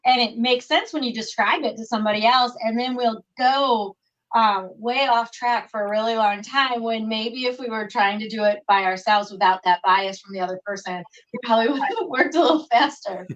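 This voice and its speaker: Woman guest on a video call, slightly high voice, dull sound from off the mic; rambling, thinks out loud. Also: moderate pace. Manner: thinking aloud in long run-on explanations. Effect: heard over a video call. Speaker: guest puzzle solver. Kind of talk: casual interview answers. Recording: muffled distant video call audio.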